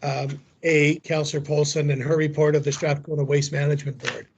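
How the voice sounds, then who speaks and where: A man chairs a council meeting in a gravelly, husky voice, hoarse because he is losing it. He keeps his turns brief and businesslike, in a somewhat high register. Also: little pitch movement, brisk, highs cut off.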